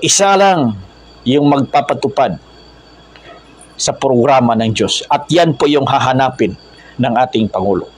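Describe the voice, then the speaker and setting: A man with a Filipino accent preaching an impassioned sermon. He swings between low, earnest explaining and loud, high exhortation, repeating slogans to his brethren and mixing English words into his speech. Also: animated, measured pace, long pauses, slightly rough, poor audio. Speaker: religious movement preacher.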